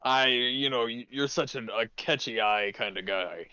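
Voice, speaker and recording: Male tabletop player, casual and halting: very bright, forceful voice, dry, slightly dull mic. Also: medium pitch, clear, resonant tone, dry recording. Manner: hesitant, repeats words.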